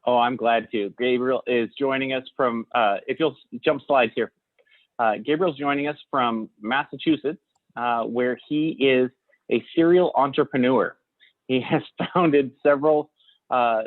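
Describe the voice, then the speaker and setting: A man's voice: mid-range voice, dry recording. A man co-hosts a podcast and introduces the guest with frequent hesitations. His voice comes through a thin, phone-like line. The sound is dry. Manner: halting, many uhs. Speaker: podcast co-host.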